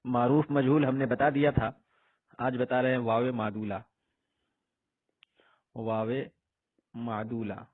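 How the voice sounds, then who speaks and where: A man teaching an Urdu grammar lesson. He asks a question, answers it himself, and says each example word slowly and more than once. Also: mid-range voice. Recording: husky voice on tinny phone-like audio.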